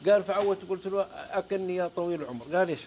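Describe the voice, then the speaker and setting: On a religious talk show, a guest preacher with a Saudi accent speaks very fast in a high-pitched, darkish voice, weaving oaths and scripture into his storytelling. Slight background noise is audible.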